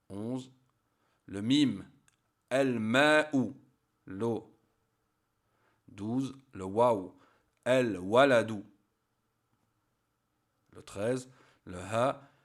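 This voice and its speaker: Slow, careful male language teacher. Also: lowish voice. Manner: careful, repeats each word to model pronunciation. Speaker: Arabic teacher. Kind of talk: slow spoken lesson.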